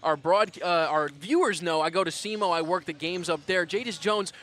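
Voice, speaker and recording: A man's voice: high-pitched, moderate pace, fairly bright tone. A twenty-year-old man doing color commentary for a basketball game, chatty and upbeat. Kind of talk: sports commentary.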